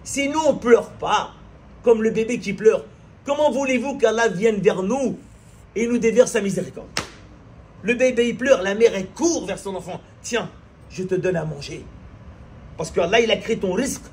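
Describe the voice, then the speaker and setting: A man delivers an impassioned sermon in a high voice. He hammers his points home through repetition and rhetorical questions, acting out short scenes along the way. A faint noise sits behind the recording. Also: moderate pace, darkish tone. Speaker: preacher.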